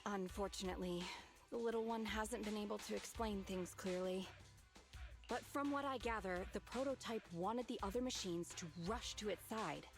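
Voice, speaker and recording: An actress playing a calm, caring, analytical machine engineer in a video game, explaining things in a measured way. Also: female voice, mid-range voice, close to an everyday voice. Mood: calm, concerned. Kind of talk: scripted video game dialogue. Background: background music.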